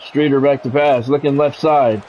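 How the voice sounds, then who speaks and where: A man with a mid-range, warm voice calls play-by-play live over a football video game at a normal speed, his intonation fairly even, delivering clipped announcer lines mixed with candid asides. A faint crowd can be heard, and the dull, lo-fi mic picks up slight background noise.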